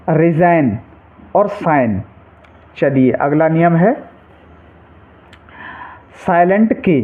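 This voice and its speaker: Patient teacher on a tinny line. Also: male voice, sits high. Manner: patient, repeats each rule and asks quiz-style questions. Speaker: English teacher. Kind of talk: classroom-style explanation. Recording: tinny phone-like sound.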